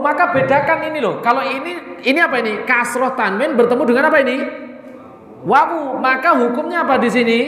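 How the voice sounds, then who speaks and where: A man's voice: very high voice, fairly bright tone. A man teaching Quran recitation rules to a class, reciting short examples and quizzing his students before answering himself. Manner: questioning students often, then answering himself. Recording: echoey hall with long reverb.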